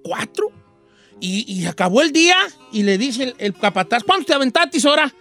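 A man's voice: extremely high pitch, sing-song, a little fast, sharp tone, faint music behind, exaggerated voice. A man with a Mexican accent playing a folksy old rancher who hosts a radio show and tells a rambling, slangy joke, acting out voices and axe sounds. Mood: playful.

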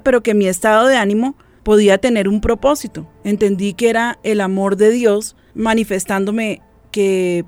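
Woman, program guest, faith testimony, earnest, reflective, soft at times, medium pitch. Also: dry recording.

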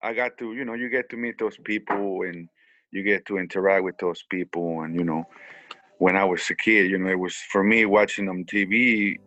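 A man's voice: deep voice, moderate pace, sharp tone, dry recording, poor audio. A man from Mexico with a Mexican Spanish accent, speaking English as a second language, telling his story in an interview with many restarts and repeated words. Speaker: hat maker.

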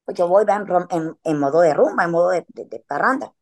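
A woman's voice: fairly low pitch, expressive, fairly quick, a little mellow. A woman, chatting casually as a podcast guest and telling a story in a slangy way, with frequent filler words.

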